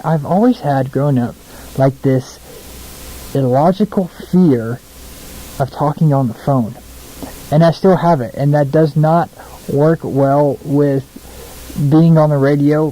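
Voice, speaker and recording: This young American man hosts a casual radio show by himself from a small studio, with a warm voice on the high side. He's chatty, informal and self-deprecating between songs, and the audio quality is poor.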